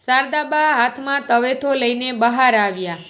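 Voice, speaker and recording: A woman's voice: high-pitched, fairly bright tone. A woman primary school teacher reading a song and a story aloud to young children, asking them questions as she goes. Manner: slow, sing-song, prompting questions.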